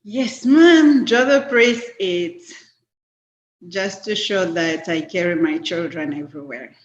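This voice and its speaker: A woman's voice: on the low side, slow pace. A middle-aged woman guest on a video call, earnestly explaining her work with examples. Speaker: business consultant guest. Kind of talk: casual interview chat. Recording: echoey room, dull call audio.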